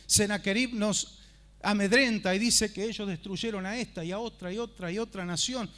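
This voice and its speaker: A male pastor preaching a sermon at a church service, telling the story dramatically and swinging from hushed to loud. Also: sits high, moderate pace.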